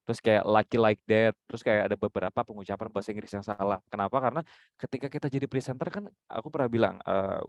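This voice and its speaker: A man's voice: fairly low pitch, fast talker, no echo, highs cut off. A man mentoring journalism students, giving direct, instructive feedback and demonstrating intonation himself. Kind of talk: coaching critique.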